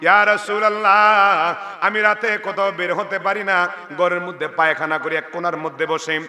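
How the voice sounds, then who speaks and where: Old mother figure, wailing lament, voiced by a man, high voice, hall reverb. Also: steady tone, normal speed, sharp tone. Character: grieving old mother, sick and cast out. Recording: long reverb of a large venue.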